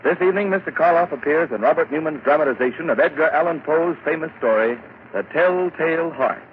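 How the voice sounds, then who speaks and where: A man's voice: a little high, animated, a little fast. A man announcing a scripted radio program and its sponsor in the formal, declamatory manner of an old radio announcer. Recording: tinny, noisy vintage radio recording.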